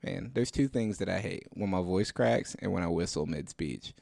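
A man's voice: deep voice, moderate pace, gravelly, a little mellow, no room sound, clean studio sound. A young man with a slight lisp hosting a casual chat with friends in his small apartment, rambling and laughing often. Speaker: podcast host. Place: small apartment dining room.

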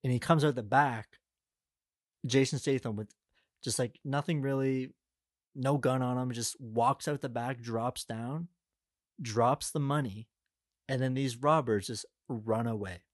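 A man's voice: mid-range voice, unhurried, no echo, studio quality. A young man casually reviewing and recapping, rambling and exasperated, with lots of filler words. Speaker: commentator.

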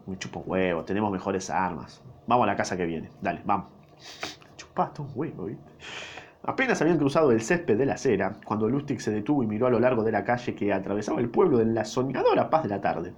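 A man's voice: fairly low pitch, lively intonation, quick pace, a little mellow, muffled recording. A young man with a Rioplatense accent reading a novel aloud, breaking off often for crude, swearing jokes and bursts of laughter. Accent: Rioplatense Spanish. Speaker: reader.

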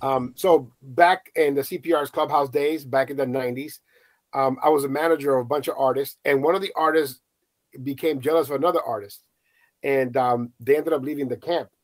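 A middle-aged man from the United States, a podcast host telling a story casually on a panel and acting out the quoted voices with lively swings. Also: a little fast, dry recording. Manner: animated storyteller, acts out quotes with high excited voices.

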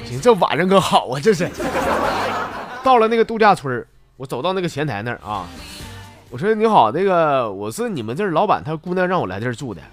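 This is a man with a Northeastern Mandarin accent, hosting a comedy show and reading listener jokes. His voice sits a little high and leaps around with animated intonation, and faint music plays beneath his talk. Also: fast talker. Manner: chatty, folksy, playful. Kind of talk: comic storytelling on radio.

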